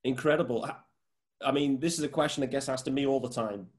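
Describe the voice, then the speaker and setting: A man's voice: medium pitch, fast talker. A man from the UK hosting a casual podcast chat, upbeat and enthusiastic as he asks his guests questions. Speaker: podcast host.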